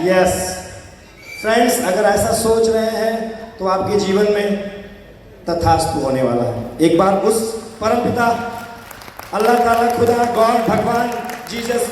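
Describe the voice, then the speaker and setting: Hoarse man rousing a hall crowd. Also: extremely high pitch, darkish tone, a little hiss or hum. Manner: rousing, calls out to the crowd for answers and applause. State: hoarse from shouting. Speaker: motivational speaker at a sales event. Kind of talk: motivational stage speech. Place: large event hall. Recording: echoey hall recorded from far off.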